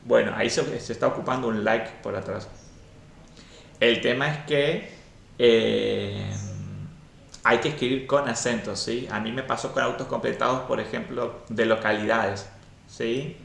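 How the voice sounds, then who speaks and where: A man's voice: medium pitch, steady tone, measured pace, vocal fry, fairly bright tone, roomy sound. A man teaching a programming class live and explaining step by step, often checking in with "¿sí?".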